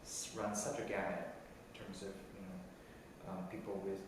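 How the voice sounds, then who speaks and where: A man from Taiwan, a musician in an interview, speaking in a soft-spoken and thoughtful way. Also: sits low, completely flat delivery, unhurried. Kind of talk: casual conversational interview. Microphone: video call. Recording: echoey room, distant mic, audible noise.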